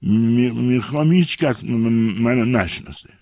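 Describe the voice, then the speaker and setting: A man's voice: mid-range voice, dry recording, voice pushed up, natural voice. A man doing a scheming schoolboy faking a stutter. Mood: stuttering disguise. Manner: fakes a stutter to disguise himself. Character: mischievous schoolboy friend, boy, scheming. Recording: dry, phone-like narrow sound.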